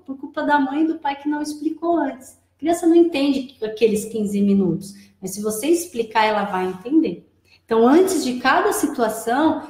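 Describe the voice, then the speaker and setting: Woman guest, high voice, explains and repeats key points, roomy echo. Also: a little mellow. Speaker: guest, preschool operations director. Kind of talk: live advice chat. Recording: echoey room.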